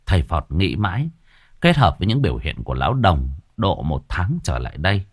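A man narrating a ghost story in a lively, expressive way. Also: low-pitched, brisk, slightly rough, dry recording, studio quality.

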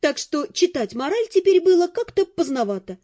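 A woman narrating a fantasy audiobook in first person, with an expressive reading. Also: extremely high pitch, moderate pace.

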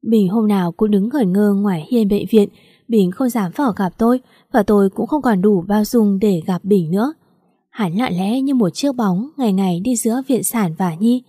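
A woman reading a first-person story aloud in steady, earnest narration. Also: medium pitch, no room sound, clean studio sound. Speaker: story reader.

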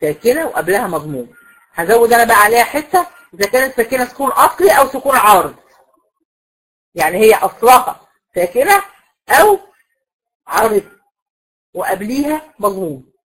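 A woman's voice: fairly high pitch, sing-song, brisk, long pauses, a bit bright, breathy edge, poor audio. A woman with an Egyptian accent, a recitation teacher lecturing a class, explaining patiently, asking the class questions and repeating the key rules. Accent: Egyptian Arabic.

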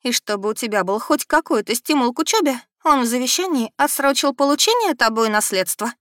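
A woman's voice: on the high side, animated, brisk, fairly bright tone, dry recording, studio quality, voice pushed up. A woman voicing a fussy middle-aged noble mother, pleading and reproachful.

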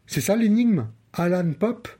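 Joking storybook character, read out by a man, slightly high, slow and mellow. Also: expressive, husky, exaggerated voice. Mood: teasing. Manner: mocking, joking.

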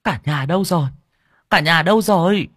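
Brief: a man playing a panicked, stammering old grandmother, high and husky, near tears. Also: lively intonation, moderate pace, no echo, studio quality. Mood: terrified. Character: frightened stammering old village woman.

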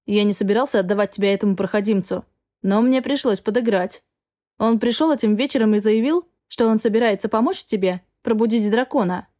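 A woman's voice: medium pitch, a little fast, mellow, natural voice. A woman voicing a gloomy, defensive dragon husband in an audiobook. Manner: sullen and defensive. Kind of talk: audiobook character reading.

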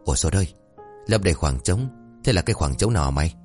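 A man's voice: deep voice, animated, quick pace, a little mellow, soft background music. A man voicing a nosy, dim-witted young sidekick who blurts out cheeky remarks.

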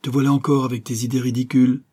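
A man's voice: medium pitch, flat delivery, fast, warm tone, breathy edge, pitched above the performer's own voice, natural voice. A man reading aloud voices a stern, impatient banker father who speaks coldly and irritably. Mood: irritated. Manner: cold, irritable.

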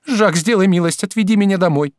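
A man's voice: no echo, clean studio sound, natural voice. Man putting on a timid, pleading young woman. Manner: pleading, drawn-out high voice.

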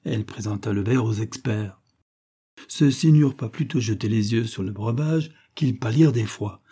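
A man narrating a short story in a measured, theatrical audiobook reading. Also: on the low side, dark tone, slightly rough.

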